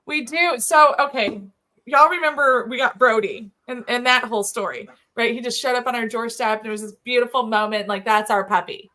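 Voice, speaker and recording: A middle-aged woman, co-hosting a show and telling stories in a chatty, animated way. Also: a little high, brisk. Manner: chatty, laughs often, animated retelling. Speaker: show co-host. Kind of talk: casual storytelling chat.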